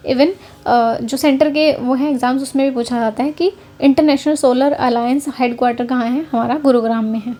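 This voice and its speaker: High, mellow-voiced woman teaching exam prep. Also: steady tone, a little fast. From Haryana, India. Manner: conversational, checks in often with filler words. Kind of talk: casual lecture over slides.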